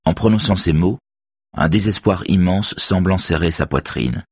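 A male audiobook narrator reads in a calm, steady manner. His voice is very deep with a husky grain, and the recording is close and dry with no room sound. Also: normal speed, no echo. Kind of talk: scripted narration.

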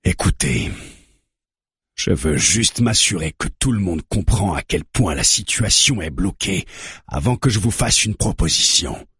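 A man doing a calm police negotiator. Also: low voice, husky, dry recording, studio quality, heavily acted. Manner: calm, reasoning, deliberate.

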